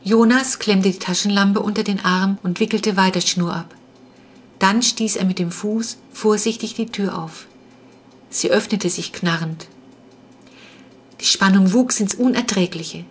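A woman narrating a spooky children's story with measured suspense. Her voice sits at a middling pitch and builds tension steadily through the reading. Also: husky. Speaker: audiobook narrator. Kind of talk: scripted narration.

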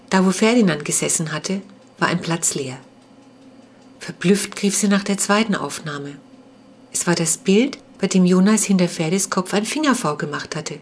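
Woman narrating a children's audiobook, calm measured reading, low voice, faint background noise. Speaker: author reading her own book.

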